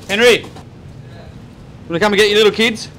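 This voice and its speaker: A man's voice: high voice, brisk. A male head chef making kitchen order callouts in a brusque, commanding way. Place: busy restaurant kitchen. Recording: noisy working kitchen, clattering background.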